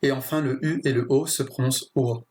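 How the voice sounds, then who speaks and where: Man, language teacher, husky voice, halting explanations with fillers. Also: medium pitch, steady tone, a little mellow. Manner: hesitant, with frequent fillers and restarts. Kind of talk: explanatory lesson.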